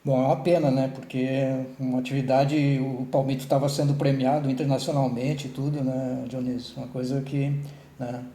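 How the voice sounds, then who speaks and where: A man's voice: medium pitch, flat delivery, normal speed, dark tone, echoey room, a little hiss or hum. A man coordinating an online meeting, talking casually with many restarts and tag questions.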